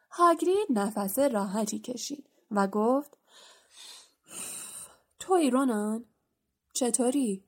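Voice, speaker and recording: Woman, audiobook narrator, scripted fantasy narration, higher voice, steady, expressive.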